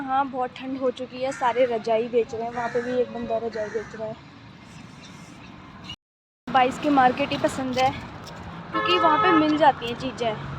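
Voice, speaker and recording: High-voiced soft-spoken young woman vlogging. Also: background noise. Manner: soft-spoken, talks quietly. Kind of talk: casual vlog talk to camera. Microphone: phone held in hand, no external mic.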